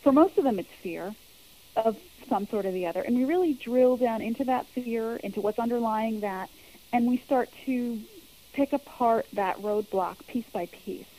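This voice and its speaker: A woman's voice: on the high side, normal speed, mellow, poor audio. Woman public speaking coach, earnest, explains step by step, keeps repeating the main point. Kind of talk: interview answers.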